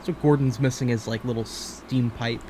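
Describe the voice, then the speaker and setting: A man co-hosting a chatty podcast, rambling through his points with plenty of fillers and restarts and the odd swear. His voice sits at an ordinary middle pitch, with a faint hiss of noise behind it. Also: steady tone, normal speed. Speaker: podcast co-host. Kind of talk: casual chat.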